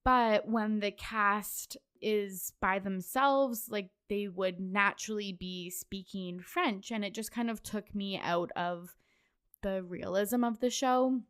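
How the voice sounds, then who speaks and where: A woman's voice: mid-range voice, slow, fairly bright tone, clear, resonant tone. A woman in her twenties hosting a casual solo podcast, chatty and loose, with lots of fillers and sudden laughs. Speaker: podcast host.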